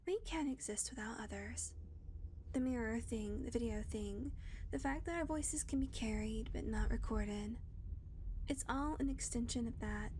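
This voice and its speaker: In an audio roleplay, a woman voices a blunt, foul-mouthed female vampire, speaking sarcastically and slipping into soft murmurs. Her voice is a little high, and there's a noisy background.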